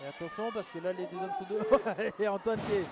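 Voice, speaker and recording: A man doing live wrestling play-by-play commentary, excitable and full of exclamations, drawing out his calls of the big moves. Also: sits high, a little fast. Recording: live event with crowd noise. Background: crowd.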